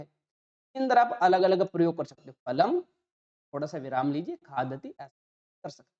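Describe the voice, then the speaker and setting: A woman with a low, mellow voice teaches Sanskrit grammar in a steady explanatory lesson. She splits words into their single sounds and repeats each example slowly. The recording is a little dull and muffled.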